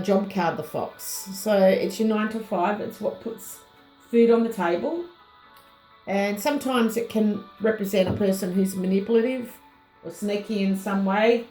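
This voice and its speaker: A woman giving a casual tarot reading, slightly hoarse and unhurried, pausing often with ums as she muses over the cards. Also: mid-range voice, warm tone, reverberant, poor audio. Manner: unhurried, musing, many ums and pauses. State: slightly hoarse, losing her voice. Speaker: tarot reader.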